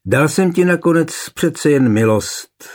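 A man reading a historical novel aloud voices a calm, mocking young nobleman taking revenge on his wife. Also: on the high side, pitched above the performer's own voice.

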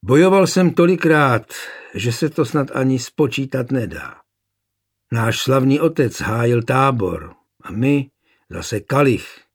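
A man voicing a gruff, rebellious soldier who grumbles defiantly, in a gravelly, husky voice. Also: medium pitch, animated, pitched above the performer's own voice. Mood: grumbling.

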